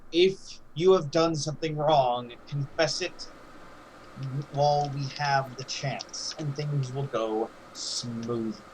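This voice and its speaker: A man voicing a calm, pious male cleric who speaks in a solemn, measured way in a tabletop game role-play. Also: mid-range voice, a little hiss or hum, natural voice, poor audio.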